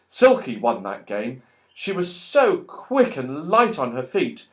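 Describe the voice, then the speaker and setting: Fairly high in pitch, a male audiobook reader tells a children's story with playful expressiveness, breaking into exclamations over the events.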